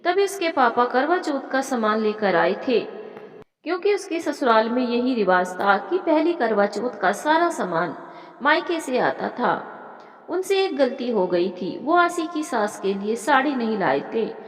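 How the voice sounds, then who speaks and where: A woman narrating a moral story in an expressive, melodic reading. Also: a little high, a little slow. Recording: echoey room with long reverb.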